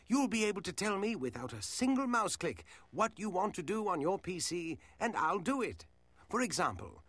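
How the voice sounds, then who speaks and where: An actor playing a cheerful big beaked cartoon toucan mascot, giving polite scripted instructions as a software assistant. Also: male voice, high-pitched, dry recording, heavily acted. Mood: cheerful, inviting.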